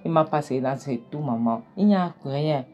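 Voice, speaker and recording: A woman's voice: deep voice, animated, normal speed, darkish tone, faint music behind. A woman voicing an upset young daughter pleading her innocence to her mother. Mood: insistent. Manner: pleading, emphatic denials.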